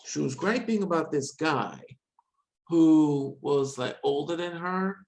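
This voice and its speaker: A man in his forties chatting casually on a video call, rambling quickly and self-deprecating. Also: on the high side, animated, a little mellow, poor audio. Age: 40s. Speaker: discussion guest.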